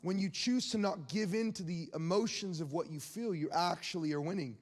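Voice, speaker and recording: This sermon comes from a young man in his late twenties with a high voice, speaking briskly, laughing, and turning to the congregation with questions. His loose, candid talk echoes with long reverb around a big hall.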